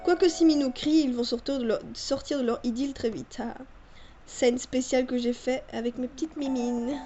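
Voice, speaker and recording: A woman's voice: high-pitched, steady tone, normal speed, dark tone. A woman with a cough reading her own fan story aloud and chatting about it with giggly asides. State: has a cough. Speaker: fan story reader and video maker. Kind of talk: casual reading with commentary.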